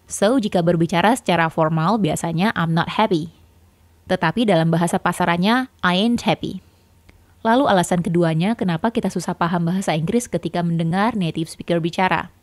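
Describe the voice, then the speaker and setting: Woman, English tutor, patient step-by-step explainer, slightly low voice, dry sound. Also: fast talker, no room sound. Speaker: English teacher. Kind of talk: explanatory language lesson.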